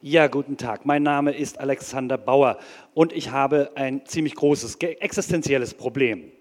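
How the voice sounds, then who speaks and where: A man's voice: medium pitch, normal speed, lightly acted. Man acting an anxious, rambling caller, reverberant. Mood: polite, pressing. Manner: hesitant, earnest, polite. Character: anxious, rambling male bank clerk longing to paint. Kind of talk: scripted comedy sketch, phone caller.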